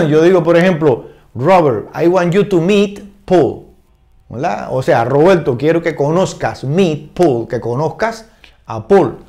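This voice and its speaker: An older man explaining English words in Spanish, patient and repetitive, slowing down to read English examples and often checking understanding. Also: on the high side, animated, warm tone. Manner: reads English examples slowly and deliberately. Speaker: English teacher.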